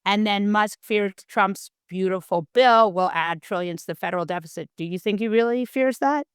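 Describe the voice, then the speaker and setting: A woman's voice: medium pitch, normal speed, clean tone, dry recording, clean studio sound. A middle-aged woman hosting a political podcast in casual chat, sardonic and profane, repeating words for emphasis. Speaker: podcast host.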